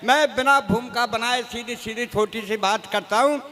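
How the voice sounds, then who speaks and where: In an echoey hall, a man from Rajasthan, India, recites humorous poetry on stage, folksy and poking fun at himself as he speaks directly to listeners. He is a comic poet with an extremely high, bright, forceful voice at a normal speed.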